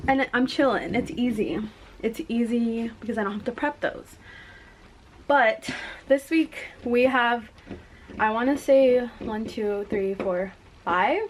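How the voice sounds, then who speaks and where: Young woman rambling on her work vlog, kinda high voice, laughs a lot, handheld cam in her studio. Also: a little hiss or hum. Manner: chatty and rambling, laughs often. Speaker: balloon decor business owner. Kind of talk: casual vlog talk. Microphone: handheld camera.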